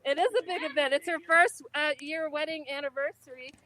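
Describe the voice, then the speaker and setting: A woman's voice: high voice, steady tone, fairly quick, bright, forceful tone. A woman chatting casually and upbeat as a guest on a radio show. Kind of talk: casual chat.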